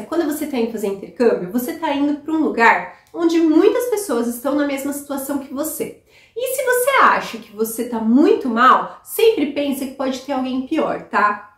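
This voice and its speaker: A woman's voice: high-pitched, roomy sound. A woman with a Brazilian Portuguese accent giving chatty advice to camera, often tagging her sentences with "né?". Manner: chatty, frequent "né?" tag questions. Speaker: vlogger giving study-abroad advice. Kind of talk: casual advice talk to camera.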